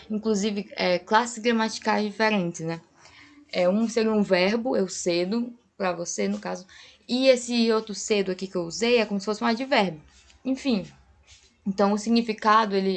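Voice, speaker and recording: A woman's voice: medium pitch, gravelly. A young woman teacher giving a patient online grammar lesson, often checking in with her students. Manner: patient, explanatory, frequent "tá?" checks. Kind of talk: online class lecture.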